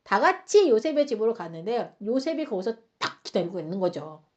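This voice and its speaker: A woman Bible teacher telling a Bible story in a lively, dramatic way. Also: a little high, brisk. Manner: animated, dramatic retelling. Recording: dull lo-fi sound.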